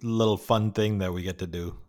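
A man co-hosting a casual movie podcast, jokey and playful, quick to laugh at his own gags. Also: on the low side, steady tone, a little mellow, no room sound. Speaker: podcast co-host.

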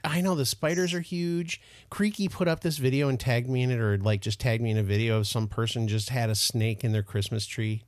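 A man's voice: medium pitch, steady tone, brisk, hardly any pauses, no room sound, clean studio sound. A man from the co-hosting a casual chat show, playful and chatty, often laughing. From American Midwest. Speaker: podcast co-host.

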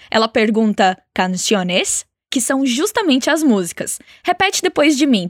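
A woman teaching a language lesson, encouraging and clear, slowing down to model phrases for the listener to repeat. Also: fairly high pitch, no room sound, clean studio sound. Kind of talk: spoken language lesson with repeat-after-me drills.

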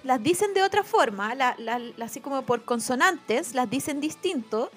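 A woman's voice: high voice, expressive, moderate pace, fairly bright tone, husky, faint music behind. A young woman with a Chilean accent co-hosting a podcast in slangy casual talk. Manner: slangy, chatty. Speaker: podcast co-host. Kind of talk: casual chat.

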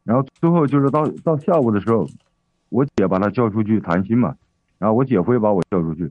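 A man's voice: lowish voice, animated, fast, no room sound. A man calling in to a radio advice show, telling his story hesitantly with many fillers and restarts. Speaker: caller. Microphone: phone. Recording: tinny dry phone line.

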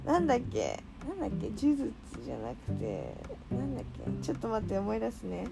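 A woman with a fairly high voice tells a story in casual chat, her pitch leaping up and down. She acts out what others said and laughs often. Music plays behind her. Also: fast talker, vocal fry. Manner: animated, acts out quoted lines, laughs often. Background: background music.

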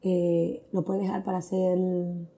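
This testimony guest recounts her faith journey earnestly, weaving English phrases into her Spanish and filling gaps with frequent fillers. Her low-ish voice is flat, unhurried, creaky and mellow.

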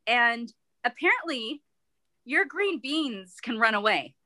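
Bright, giggly American woman. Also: on the high side, animated, slow, dry recording. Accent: American English. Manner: giggly, playful, curious questioning. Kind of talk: casual chat.

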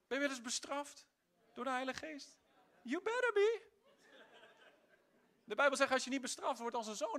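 Male preacher, sermon, high voice, animated, soft to loud swings. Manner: calls on the congregation to respond.

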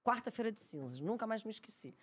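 A woman, a podcast guest telling a story in an animated, emphatic way, often repeating herself. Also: on the high side, quick pace, slightly rough. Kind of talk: casual chat, storytelling.

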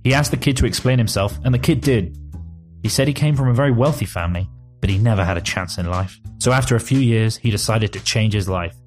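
A man narrates a ridiculous tale in a fairly low voice, with a steady reading-aloud delivery. Soft music plays faintly under him. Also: fast. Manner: reads aloud evenly, breaks into laughter and banter. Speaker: narrator reading a generated story. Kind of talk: comic story reading and podcast chat.

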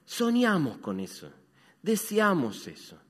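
Rioplatense guy preaching in a church, voice jumps loud then hushed, long hall echo. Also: sits high, slow. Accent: Rioplatense Spanish. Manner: animated preaching, swings between loud and hushed. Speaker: pastor. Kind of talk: sermon.

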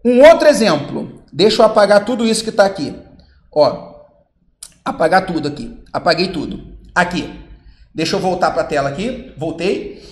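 A man with a Brazilian Portuguese accent teaching logic to exam candidates, lively and acting out students' questions. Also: high voice, moderate pace, pauses often, reverberant. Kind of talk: logic lesson with on-screen board.

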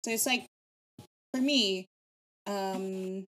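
A woman's voice: medium pitch, drawn-out words, a bit bright. Filipino woman in casual, code-switching chat. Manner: mixes English and Tagalog mid-sentence.

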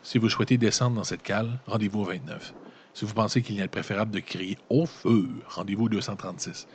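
A man with a Quebec French accent and a very deep, low voice reads an adventure gamebook aloud. He keeps stopping to toss in loose, slangy jokes to his listeners before picking the narration back up. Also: fast, slight background noise. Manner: breaks off narration with joking, slangy asides. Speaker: gamebook reader and player. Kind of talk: reading a gamebook aloud with casual commentary.

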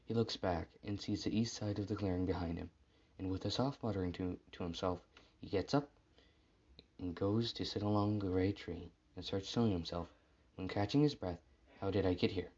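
Low, husky male storyteller. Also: a little mellow, muffled recording. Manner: plain, unhurried reading with small slips and restarts. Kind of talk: reading a dark story aloud.

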